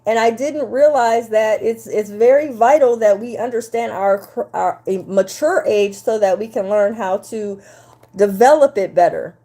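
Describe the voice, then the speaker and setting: Mellow-voiced woman coach, fifties, live stream. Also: on the high side, normal speed. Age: 50s. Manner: animated, talks straight to the chat, repeats herself. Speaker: relationship coach. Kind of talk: live-stream talk to viewers.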